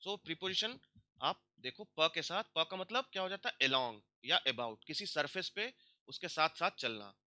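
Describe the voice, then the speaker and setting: A man teaching a grammar lesson, drawing out example words slowly and asking himself questions before answering them. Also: on the high side, sharp tone, no echo. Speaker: language teacher.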